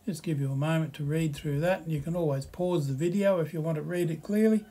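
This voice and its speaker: A man with a somewhat higher-pitched voice talks through a software slideshow tutorial. He reads the slides aloud in a relaxed, explanatory way and adds friendly asides. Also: quick pace, slightly rough.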